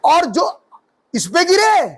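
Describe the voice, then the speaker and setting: Male pastor, very high voice, emphatic questioning sermon style. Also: very animated, slow pace. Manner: preaching with rising emphatic questions.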